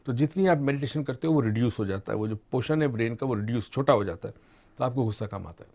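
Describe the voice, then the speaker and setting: A middle-aged man explaining ideas to a host in an unhurried teaching way, slipping English terms into his talk. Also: mid-range voice. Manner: calm teaching tone, mixes English terms into Urdu. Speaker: expert guest on motivation and mind training. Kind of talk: explanatory discussion.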